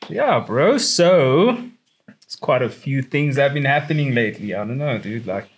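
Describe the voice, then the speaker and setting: A man's voice: medium pitch, lively intonation, normal speed, slightly rough. A young South African man co-hosting a podcast in loose, rambling casual chat, laughing often and calling his friend bro and dude. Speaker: podcast co-host.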